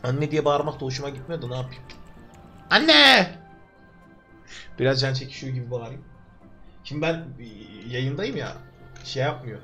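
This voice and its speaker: A man's voice: mid-range voice, fairly even intonation, brisk, faint music behind. A young man from Turkey livestreaming a game from his room, chatting with viewers and joking to himself as he plays. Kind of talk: live gameplay commentary. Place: home room. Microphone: desk microphone.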